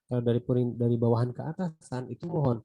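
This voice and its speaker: A middle-aged man with an Indonesian accent gives a conversational Quran exegesis lesson. His voice is mellow and a little husky, recorded dry and close. He keeps tagging his points and lets line endings fall away quietly. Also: mid-range voice, quick pace, no echo. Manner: conversational, frequent "gitu kan" tags, trailing softly. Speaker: religious teacher.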